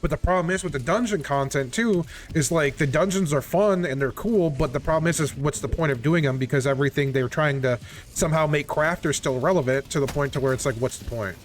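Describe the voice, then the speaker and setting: A man's voice: on the high side, fairly quick, slight background noise. Insistent, swearing man griping about a game. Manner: frequent casual swearing; repetitive, insistent complaining. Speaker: video game player. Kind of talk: casual gaming chat, ranting opinions.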